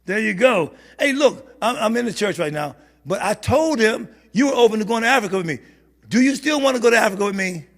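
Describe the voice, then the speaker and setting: A man preaching as a bishop at a church prayer meeting, animated and laughing, sometimes rising to shouts. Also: high voice, a little fast. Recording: hall reverb.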